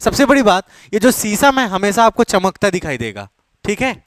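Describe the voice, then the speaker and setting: A man's voice: sits high, sing-song, moderate pace, fairly bright tone, no echo. A man teaching an exam coaching class, repeating key terms and checking often that students follow, with English words mixed in. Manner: repetitive, keeps checking with students. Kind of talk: classroom lecture.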